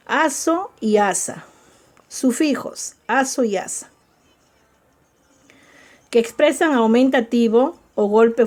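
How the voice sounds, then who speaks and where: A woman's voice: high voice, darkish tone. A woman teaching a spelling lesson, spelling out letters, repeating examples and checking in with her listeners.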